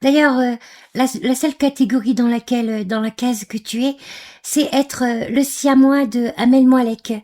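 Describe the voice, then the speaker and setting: This is a woman from Algeria giving an angry, contemptuous reaction to a video, insulting what she sees while stumbling through frequent hesitations and fillers. Her voice is on the high side with a dark tone, fairly even intonation, and a moderate pace.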